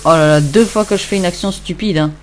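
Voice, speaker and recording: A man's voice: high voice, a little fast, darkish tone, a little hiss or hum. A tired man giving casual, rambling, self-mocking commentary while he plays a game. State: tired, just woke up. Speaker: Minecraft let's-play host.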